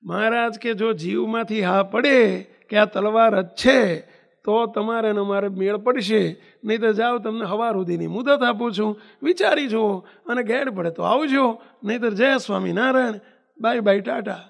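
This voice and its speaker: Male preacher, unusually high pitch, storytelling sermon that is emphatic and pleading. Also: normal speed, vocal fry. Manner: emphatic, full of rhetorical questions and pleading repetition. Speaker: religious preacher.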